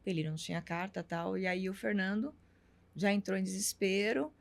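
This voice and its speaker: A woman's voice: mid-range voice, fairly even intonation, fairly quick, creaky. A middle-aged woman, telling a personal story as a talk show guest and acting out the dialogue. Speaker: interview guest.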